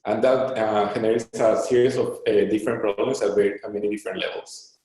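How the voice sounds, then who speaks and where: In a very echoey room, a thirtysomething startup co-founder from Peru responds to online Q&A interview questions. His voice is lowish, steady and darkish, and his speech is halting, full of fillers and restarts.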